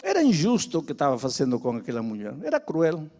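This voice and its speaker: A man's voice: on the high side, huge pitch swings, fast, a little mellow, big-room sound. An older man preaching a sermon, repeating his phrases with emphasis and telling a dramatic story.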